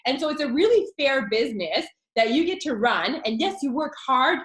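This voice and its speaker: A woman with a fairly high voice talks up her business in a rush of excited chatter, full of fillers and little asides. The sound bounces around a roomy, echoey space. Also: normal speed. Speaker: network marketing consultant. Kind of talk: enthusiastic business pitch. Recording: echoey room.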